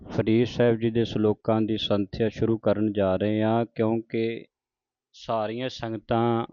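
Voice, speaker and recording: A man teaching the correct pronunciation of scripture, reciting verses slowly and then explaining and correcting them in a plain speaking voice. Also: fairly low pitch, mellow, no room sound. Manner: slow measured recitation with spoken corrections. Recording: dull lo-fi sound.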